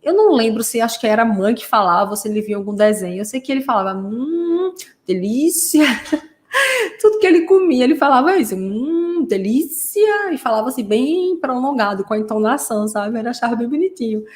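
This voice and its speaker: A woman's voice: fairly high pitch, expressive, fast, darkish tone. Playful Brazilian woman acting out sounds. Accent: Brazilian Portuguese. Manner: playful, acts out sound effects, frequent tag questions. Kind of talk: casual teaching talk to parents.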